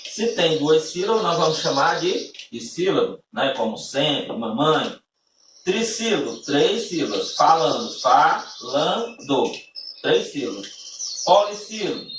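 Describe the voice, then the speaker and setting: This recorded classroom lesson features a man whose voice sits fairly high, walking listeners through the material patiently and checking in often with tag questions. The mic is distant, so he sounds off-mic in an echoey room with noisy background.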